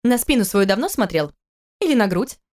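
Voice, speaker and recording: A sharp-tongued wife and mother, sarcastic and scolding, her voice pitched up and pushed louder, as a woman narrator plays her. She sounds urgent and bossy in a storybook reading. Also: big pitch swings, a little fast, lightly acted.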